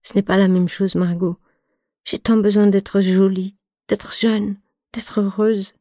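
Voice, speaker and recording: A woman's voice: medium pitch, level tone, unhurried, dark tone, no room sound, studio quality, close to an everyday voice. A woman reading the part of a tired thirty-four-year-old woman in love, speaking in an imploring, emotional way. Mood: plaintif. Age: 30s. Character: femme de trente-quatre ans, fatiguée et amoureuse.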